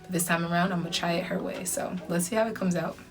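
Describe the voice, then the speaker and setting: A woman's voice: on the low side, fairly even intonation, fast. A young woman vlogger talking casually and chummily to her viewers with slang as she does a makeup tutorial. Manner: informal, chummy, addresses viewers directly with slang. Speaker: beauty vlogger. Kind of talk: casual chatty get-ready-with-me makeup tutorial. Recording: distant mic, music in background. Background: background music.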